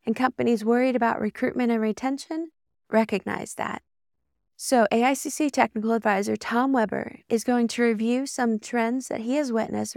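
Woman, hoarse, gravelly, fairly high voice, dry close sound, brisk news update. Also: darkish tone, dry recording. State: hoarse, losing her voice. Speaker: podcast host, membership director. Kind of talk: read association news update.

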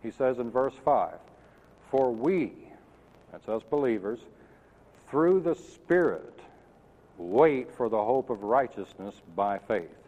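A man's voice: medium pitch, expressive, measured pace, warm tone. A man preaching a sermon, teaching earnestly and emphatically and asking his listeners questions. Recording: tinny lo-fi sound in a reverberant hall.

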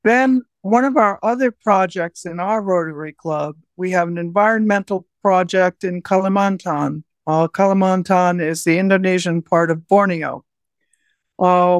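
A woman's voice: on the low side, dry recording, studio quality. A woman guest explaining her community project in an earnest, explanatory way. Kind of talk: interview conversation.

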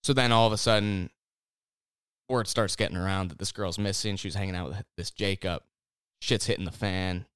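A man with a lowish, smooth and resonant voice chatting casually with friends. He walks through a story in a loose, rambling way, full of "like" and restarts. The sound is close and dry. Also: steady tone, fairly quick, fairly bright tone, no room sound. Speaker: podcast host recapping a TV series. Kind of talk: casual chat.

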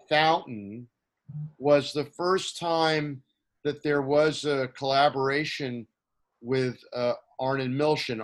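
A man hosts an interview and poses long, winding questions, restarting as he searches for words. His pitch sits in the middle range. The delivery is conversational and unscripted. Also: fairly bright tone.

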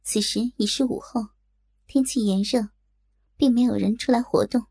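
Woman narrating a wuxia story, husky and a bit gravelly, mellow tone. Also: fairly high pitch, fairly even intonation, no echo, studio quality. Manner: measured, storytelling. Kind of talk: scripted martial-arts story narration.

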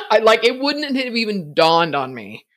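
A woman in her fifties hosting a podcast, talking through a personal reflection quickly and a bit mumbled, laughing often. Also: a little high, sing-song, fairly bright tone. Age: 50s. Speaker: podcast host.

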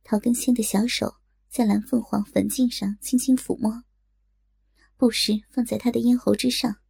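Woman with a gravelly, husky storytelling voice. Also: a little high, moderate pace, no room sound, clean studio sound. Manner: steady, storytelling delivery. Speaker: narrator. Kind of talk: scripted audiobook narration of a martial-arts tale.

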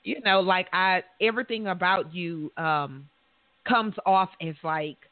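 A woman's voice: lowish voice, measured pace, dry recording. A woman hosting a radio interview, enthusiastic and often restarting her sentences. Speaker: radio show host. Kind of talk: casual interview. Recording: thin phone-line sound, dry.

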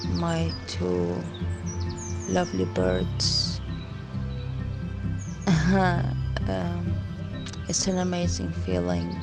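A woman recording a spoken audio diary, soft and tender with pauses and fillers. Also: fairly low pitch, vocal fry. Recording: loud music under the voice.

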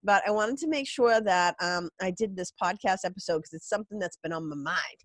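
A middle-aged woman hosts a podcast alone, her mid-range voice stuffy and nasal from a cold. She talks briskly in an informal, rambling, emphatic monologue, and the recording is dry.

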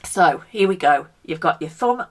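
A woman with a slightly low voice guides a breathing exercise step by step. She speaks casually, as if chatting with the listener, and keeps a playful, encouraging manner. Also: lively intonation, normal speed. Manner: playful, encouraging, talks listener through steps.

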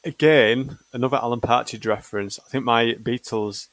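Guy chatting, halting and easygoing, dry close sound. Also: mid-range voice, fairly even intonation, a bit bright, dry recording. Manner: laid-back, hesitant, self-deprecating. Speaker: podcast co-host. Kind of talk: casual chat.

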